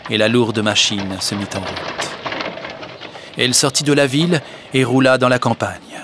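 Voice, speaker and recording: A man narrating a classic novel as an audiobook, measured and expressive, dropping softer on the speech tags. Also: mid-range voice, background noise.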